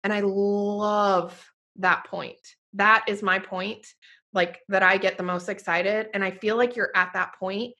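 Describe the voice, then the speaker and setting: A woman hosts a heartfelt, casual podcast chat, earnest and effusive in tone. Her voice is bright and forward, with middling pitch. She keeps dropping "like" and the occasional swear word. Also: fairly even intonation, measured pace, muffled recording. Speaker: podcast host and fitness business owner.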